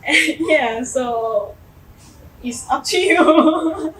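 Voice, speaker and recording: A woman's voice: high-pitched, animated, extremely slow, recorded from a distance, background noise. Giggly Thai woman, echoey room. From Thailand. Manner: giggly, plain-spoken. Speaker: guest. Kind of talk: casual chat.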